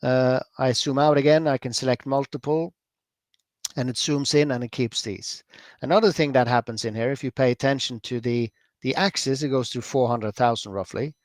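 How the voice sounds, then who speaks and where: A Norwegian man with a Norwegian accent walks a user group through a software demo over screen share. His middle-pitched voice is captured close and dry, with no echo. He stays loose and chatty, filling pauses and correcting himself quickly.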